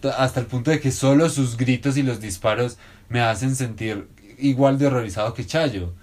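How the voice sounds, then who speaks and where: A man's voice: medium pitch, moderate pace, darkish tone. A young adult man with a Colombian accent, hosting a casual podcast chat about a TV series, slangy and emphatic, swearing often. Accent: Colombian Spanish. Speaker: podcast host.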